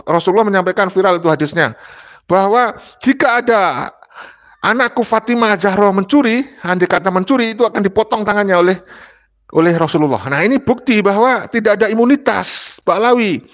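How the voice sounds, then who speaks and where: Sitting high and fairly bright, this man's voice is expressive and brisk. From Indonesia, he lectures emphatically during a panel discussion and keeps repeating his points.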